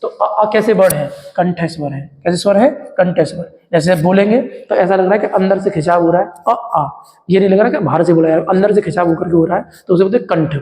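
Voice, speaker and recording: A man with a high but warm, dark-toned voice teaches an exam-prep grammar lesson from a diagram. He repeats every term by asking his students and answering himself, calling them friends. His voice rings in a reverberant room. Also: quick pace, hardly any pauses. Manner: addresses viewers as friends, explains with a diagram. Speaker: Hindi teacher.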